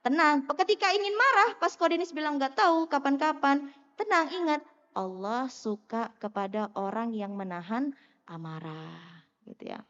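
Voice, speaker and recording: High-voiced woman preaching in an echoing hall. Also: moderate pace. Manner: animated, teasing, asks the crowd questions. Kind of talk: lively sermon to a live audience. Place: mosque hall. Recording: muffled sound in a long-echo hall.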